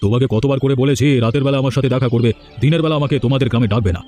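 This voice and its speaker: A man's voice: mid-range voice, racing, a little mellow, soft background music, voice pushed down, lightly acted. A man voicing a shady, threatening buyer in a cartoon. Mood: menacing.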